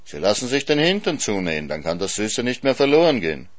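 A man's voice: on the low side, sing-song, quick pace, no echo. A man reading a story voices a sly hare who teases and tricks a hyena. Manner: teasing, smug, sly.

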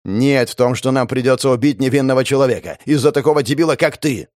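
A man's voice: mid-range voice, quick pace, a little mellow, no room sound, studio quality, lightly acted. A man voicing a nervous male gang member who urges the others to stop. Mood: tense. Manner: urgent, pleading.

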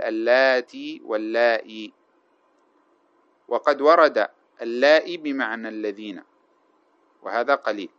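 A man teaching grammar. He quizzes his class with a drawn-out "what?", answers himself, and chants the quoted verses slowly. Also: mid-range voice, fairly bright tone. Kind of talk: classroom explanation of a grammar text. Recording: dull lo-fi recording.

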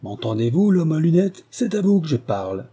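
Brief: a man doing a swaggering, shouting fake prince, raised pitch, husky and dark, storybook villain. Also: big pitch swings, moderate pace. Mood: threatening. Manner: loud, sneering and threatening. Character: arrogant brutal man posing as a prince.

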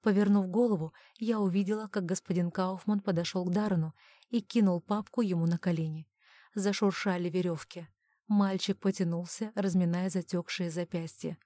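A woman reading a first-person story aloud as an audiobook narrator, in a steady, measured storytelling voice. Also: fairly low pitch, no room sound, clean studio sound.

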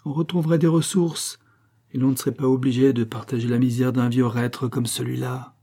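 Scornful sharp-tongued young mother, read by a man in a dark, husky audiobook voice. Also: mid-range voice, steady tone, fairly quick. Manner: mocking, exasperated.

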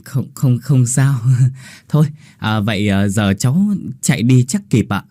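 A man's voice: medium pitch, expressive, a little slow, dark tone, no room sound, studio quality, close to an everyday voice. A man voicing a polite, hesitant young man who fumbles his words. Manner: polite, hesitant, nervous laugh.

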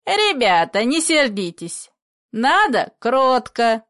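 A woman reading a gentle, simple-hearted old man, mild and a bit high in pitch. It is read slowly, dry and close. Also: sing-song, no room sound, full character voice. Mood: meek. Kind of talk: play reading.

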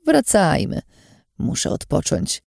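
A woman voicing an old female seer with a hoarse, rasping voice, speaking slowly in a hushed, trance-like way. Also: on the low side, very animated, dry recording, studio quality, pitched above the performer's own voice, full character voice. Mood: croaking. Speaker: audiobook character.

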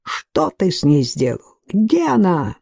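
Stubborn threatening man, voiced by a woman; slow, level storybook delivery. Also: low voice, wildly swooping pitch, vocal fry, a little mellow, no echo, clean studio sound, exaggerated voice. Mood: menacing.

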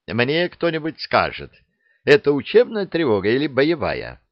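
A pushy young woman reporter, put on by a male reader, raised a little in pitch and firing brisk questions. The audiobook sound is dull and dry. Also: wildly swooping pitch, no echo. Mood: probing.

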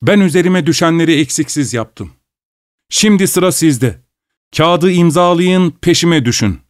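Guy doing a smug devil, slow and taunting, higher voice, storybook. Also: animated, no room sound, studio quality. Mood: mocking. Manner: slow, mocking, demanding. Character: sly male devil in blue glasses, smug.

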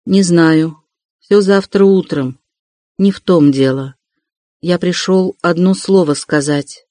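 A man's voice: sits high, takes it slowly, darkish tone, no echo. A man reading an audiobook, voicing a brooding young man with curt, clipped questions, close to his own voice.

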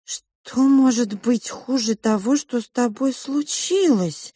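A woman voicing a wise, sorrowful female pink mouse who speaks in a slow, measured, cryptic way. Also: fairly high pitch, dark tone, slightly rough, no echo, studio quality, pitched above the performer's own voice.

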